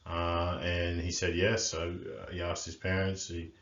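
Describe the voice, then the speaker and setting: Low-voiced man chatting loosely in an echoey room. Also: unhurried. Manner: relaxed, rambling, many fillers. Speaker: rugby coach and podcast co-host. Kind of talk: casual chat. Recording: echoey room, dull lo-fi sound.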